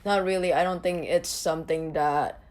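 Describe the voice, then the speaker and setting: A woman's voice: fairly low pitch, fairly even intonation, moderate pace, a little mellow. A young woman from Indonesia, a podcast guest, talking casually with hesitant restarts and many likes. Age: young adult.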